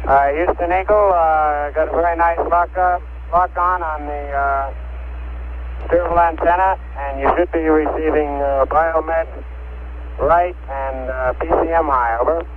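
A man's voice comes through a crackly radio link that keeps breaking up, thin and narrow with a faint hiss underneath. He sits a little higher in pitch and reports in clipped radio procedure, pausing often. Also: fairly even intonation. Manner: halting, with frequent pauses and "uh". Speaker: spacecraft crew member reporting to mission control. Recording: tinny noisy archival radio transmission.

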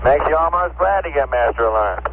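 Calm guy talking over a radio from a spacecraft, muffled and a bit hissy, dry humor. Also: fairly high pitch, a little fast. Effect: voice heard over a radio link. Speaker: astronaut in a spacecraft. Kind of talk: space-to-ground radio exchange. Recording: muffled lo-fi radio with faint hiss.

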